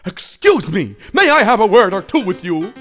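Man playing an excitable, high-voiced, self-important pious man. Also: moderate pace, faint music behind. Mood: outraged, wailing. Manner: theatrical, hesitant muttering and exclaiming.

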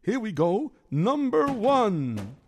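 A man's voice: sits high, wildly swooping pitch, slow, a little mellow, a little hiss or hum, pitched above the performer's own voice, exaggerated voice. A man voicing a bumbling, fretful worker who speaks, lamenting and stammering. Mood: scheming. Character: bumbling hapless male worker, fretful and clumsy.

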